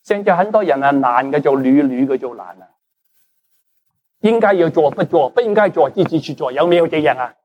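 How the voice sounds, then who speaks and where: A male pastor, a Cantonese speaker with a voice pitched slightly high. He preaches in an animated style, quizzing his listeners, answering his own questions and dropping English words into the sermon. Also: fairly quick, highs cut off. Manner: animated, asks the congregation questions and answers them.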